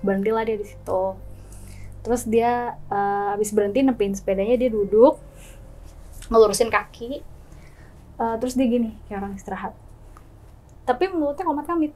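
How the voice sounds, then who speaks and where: A woman's voice: fairly high pitch, moderate pace, pauses often. A woman guest telling her own experience in a casual chat, acting out the scenes with quoted dialogue. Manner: lively, acts out scenes with gestures and quoted dialogue.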